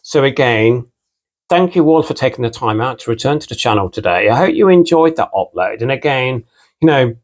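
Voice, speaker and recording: A British man with a mixed English and Irish accent, a record collector hosting his own channel and chatting casually. He rambles and keeps repeating "again" and "you know.". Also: on the low side. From United Kingdom. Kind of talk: casual unscripted vlog talk.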